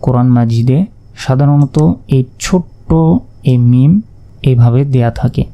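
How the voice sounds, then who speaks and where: A man teaching Quran reading in a step-by-step lesson, slowly spelling out letters and vowel marks one by one. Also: medium pitch, little pitch movement, mellow.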